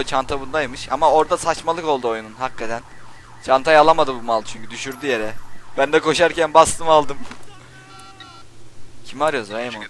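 A young man doing Let's Play commentary, swearing and shouting insults at game characters while he plays. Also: a little high, slight background noise. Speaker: gaming channel host.

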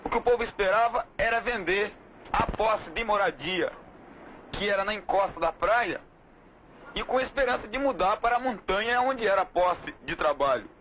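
High-pitched man giving measured testimony. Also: animated. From Trindade, Brazil. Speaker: community spokesman. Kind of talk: interview testimony. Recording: muffled 1979 film audio, faint hiss.

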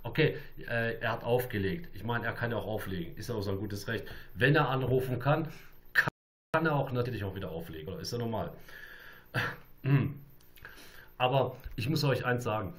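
A man livestreaming to his viewers, talking in a rambling, repetitive and excitable way. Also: medium pitch, normal speed. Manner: repetitive, restarts and repeats phrases, excitable. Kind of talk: rambling live-stream monologue to viewers.

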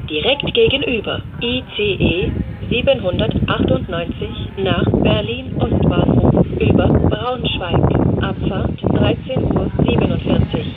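In a mid-range voice, a female station announcer gives flat, automated platform announcements slowly, using formulaic phrases stitched together. The recording sounds dull, with clear background noise behind her.

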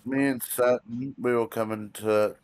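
A man with the hiccups in casual game chat, talking in a hesitant, halting way. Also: medium pitch, steady tone. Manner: hesitant, halting, stops and restarts.

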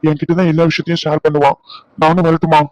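Talking fast with little pitch movement, a husband vlogger whose voice is on the high side pleads with and consoles his wife in an emotional couple vlog, going over the same words again. The lo-fi recording sounds dull, with no room sound.

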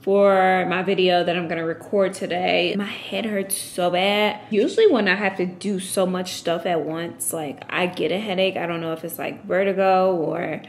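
A woman's voice: lowish voice, fairly even intonation, moderate pace, vocal fry, hardly any pauses, slight background noise. A woman in her late twenties talking casually to camera at home for her vlog, loose and chatty with lots of "like" and "um". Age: late 20s. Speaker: vlogger.

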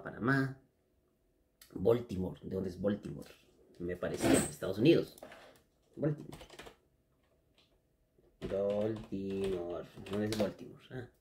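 A man's voice: mid-range voice, a little mellow. A man chatting casually in a vlog, reading lists aloud and musing to himself as he goes. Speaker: vlogger.

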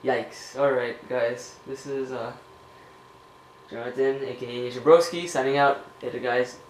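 A man's voice: medium pitch, fairly even intonation, measured pace, slight background noise. A man giving loose, casual commentary while playing a horror video game, swearing at it now and then and talking to his viewers. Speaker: let's play host. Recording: roomy echo with loud game music. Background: loud game soundtrack.

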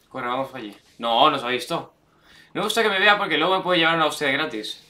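A young man with a Spanish accent from Spain, commenting on his gameplay, excitable, shouting and swearing at the game. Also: on the high side, brisk. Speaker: gameplay streamer.

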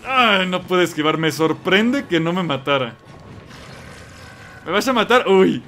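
Excitable young Mexican gamer with a Mexican Spanish accent, bright and sharp, yelping through a let's play. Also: male voice, sits high, measured pace, a little hiss or hum. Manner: excitable, yelps and curses at the game.

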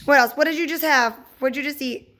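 A young woman in a casual home video, gently coaxing a child with quick follow-up questions. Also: high voice.

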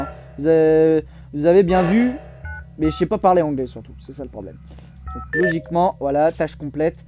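A young man giving casual let's-play commentary, chatty, restarting his sentences, with excitable bursts. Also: fairly high pitch. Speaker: gaming YouTuber.

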